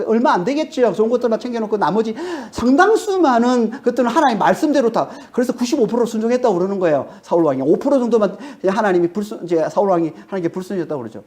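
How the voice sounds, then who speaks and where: Fast, animated woman preaching a sermon. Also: a little high. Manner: emphatic, keeps prodding listeners with questioning tags. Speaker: pastor. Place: church sanctuary.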